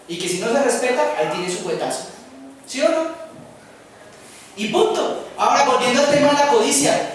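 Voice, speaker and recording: Lively preacher in an echoey hall. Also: male voice, extremely high pitch, slight background noise. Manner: lively storytelling, acting out scenes with questions to the audience. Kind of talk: sermon. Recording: echoey room, speaker far from mic.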